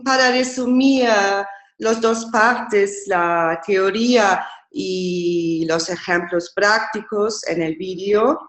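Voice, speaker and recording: Slow-spoken German woman presenting a webinar. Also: medium pitch, roomy sound. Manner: slow, careful non-native Spanish with small grammar slips. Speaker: webinar presenter, intercultural trainer.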